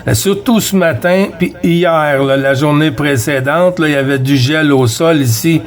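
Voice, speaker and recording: Speaking at normal speed in a fairly high voice, this CB radio operator from Quebec, Canada has a Quebec French accent. He makes casual radio contact, sounding hesitant and repeating codes.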